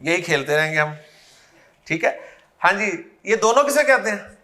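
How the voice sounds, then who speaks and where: A man's voice: high-pitched, expressive, normal speed, sharp tone. A man teaching a grammar class, who repeats key terms and quizzes his students by name.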